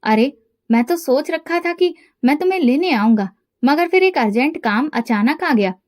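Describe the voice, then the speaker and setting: A young, easygoing elder brother who teases calmly, read by a woman narrator in a high voice. He sounds relaxed and amused in a storybook way, much like the reader's own voice. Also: normal speed. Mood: teasing. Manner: teasing, calm.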